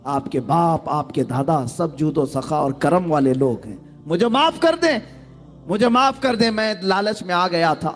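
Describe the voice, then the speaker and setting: A male preacher voicing a greedy man who begs for mercy, repeating his pleas in a high voice. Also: lively intonation, lightly acted. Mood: pleading. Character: greedy pursuer begging for mercy, adult man.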